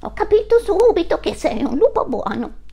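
A woman voicing a small, eager male goat kid in a storybook, with a squeaky, stammering voice. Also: very animated, moderate pace, vocal fry, mellow, heavily acted. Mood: excited.

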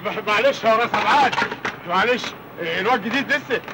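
An actor playing a harried, poor Egyptian uncle who scolds and fusses, in a 1980s film comedy. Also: male voice, sits high, fast, lightly acted. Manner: scolding, fussing. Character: harried poor uncle, middle-aged laborer. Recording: old film soundtrack, noisy.

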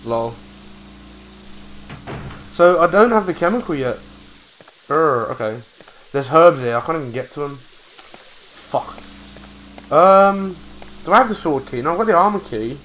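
A man commenting on his own gameplay, muttering to himself, swearing and getting excitable. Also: on the high side, normal speed, pauses often, slight background noise. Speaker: let's play gamer.

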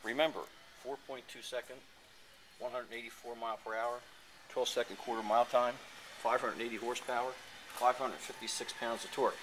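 A man giving an enthusiastic dealership sales pitch for a car, reciting specs in a showroom, recorded on a handheld camera. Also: little pitch movement, fairly quick. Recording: noisy showroom ambience.

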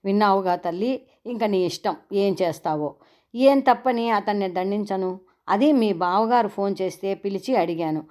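A woman's voice: mid-range voice, normal speed, a little mellow, natural voice. A woman voicing an exasperated older male college principal who scolds sternly. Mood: scolding.

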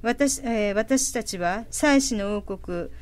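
A woman giving a live interpretation of a sermon. She speaks haltingly, with frequent fillers and self-corrections. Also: fairly high pitch. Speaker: simultaneous interpreter.

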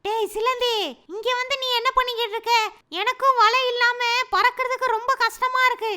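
A woman's voice: extremely high pitch, little pitch movement, brisk, bright, forceful tone, slight background noise. A woman voicing a cheerful superhero boy in a cartoon who greets the children in a breezy way. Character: friendly superhero spider boy.

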